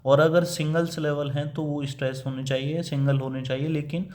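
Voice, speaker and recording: A man delivers a patient, classroom-style lecture. He explains each point step by step, pausing on fillers. He switches between Hindi and English teaching terms. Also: fairly high pitch, steady tone, a little mellow. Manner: reads quoted English lines slowly and deliberately. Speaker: assistant professor teaching English poetry.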